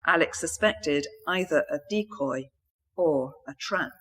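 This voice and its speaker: A woman author reading a mystery novel aloud in a steady, even storytelling manner. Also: low voice, a little slow, slightly rough.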